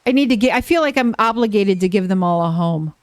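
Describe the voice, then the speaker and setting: A woman streamer giving casual live gameplay commentary, gushing and excitable as she talks to herself and her chat. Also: mid-range voice, fast talker, smooth, no room sound, clean studio sound.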